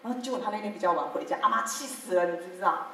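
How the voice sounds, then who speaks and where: A woman's voice: medium pitch, racing, a little hiss or hum. A woman teacher with a Taiwanese Mandarin accent tells classroom stories to other teachers in a workshop talk, playing out her pupils' lines and laughing along. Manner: lively storytelling, acting out pupils' lines with laughter. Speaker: teacher sharing classroom methods. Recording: very echoey hall from far off.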